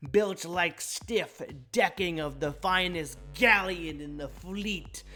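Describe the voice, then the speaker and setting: A man's voice: high voice, slow pace, bright, forceful tone, faint music behind, exaggerated voice. A man voicing a boisterous pirate storyteller, in theatrical pirate slang.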